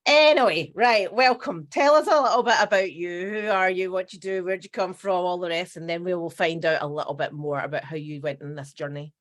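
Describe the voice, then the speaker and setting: A woman's voice: fairly low pitch, brisk, few pauses, fairly bright tone. A middle-aged Scottish woman hosting a casual podcast chat, with a self-mocking, dramatic way of talking. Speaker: podcast host.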